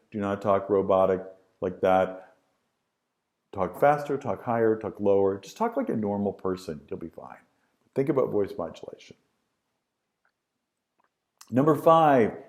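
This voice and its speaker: A middle-aged man teaching a class on presentation skills, emphatic and repetitive, with lively swings in his voice. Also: medium pitch. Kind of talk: lecture to students.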